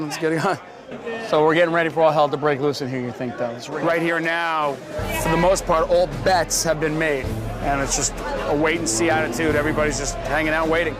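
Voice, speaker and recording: A man with a fairly high voice gives casual trader commentary. A busy crowd and music can be heard behind him. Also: level tone, a little fast. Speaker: hedge fund trader. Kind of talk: casual documentary commentary on trading.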